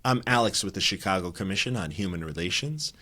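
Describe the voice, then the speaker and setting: A man's voice: low voice, animated, fast talker, bright, forceful tone. A man from Connecticut hosting an interview podcast, with friendly, brief encouraging backchannels. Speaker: podcast host.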